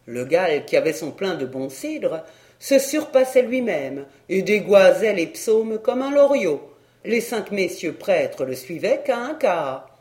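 A woman narrating a classic French tale as an audiobook, reading in an expressive, theatrical manner. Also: mid-range voice. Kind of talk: storybook narration. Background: soft instrumental music.

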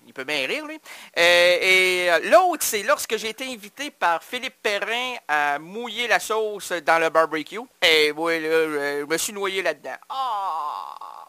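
A man's voice: high voice, expressive, unhurried, bright, forceful tone, clean tone, no echo. A man with a Québécois accent hosting a late-night community radio chat, rambling and playful, stammering through his wordplay in a studio. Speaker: radio host.

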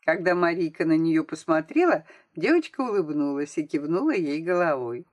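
A woman reading a children's novel aloud as an audiobook narrator, with expressive, varied intonation. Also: low-pitched, normal speed.

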